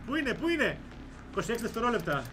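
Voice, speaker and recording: A man gives rowdy gameplay commentary for his let's play. His voice sits very high and carries a sharp, bright edge. He swears and hurls comic threats at the enemies. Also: big pitch swings, soft background music.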